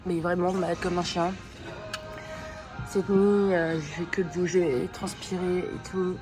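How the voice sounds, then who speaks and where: Sick with a stuffy nose and a sore throat, a young woman rambles into her phone for a vlog, slangy and full of filler words, the camera held at arm's length. She speaks unhurriedly in a lowish, flat voice over music.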